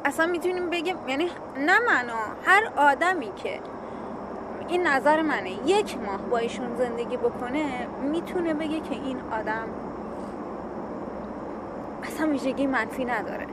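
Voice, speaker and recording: Brief: woman, slightly high voice, earnest casual chat, loud car noise. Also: expressive. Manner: earnest, praising. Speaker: wife of the host.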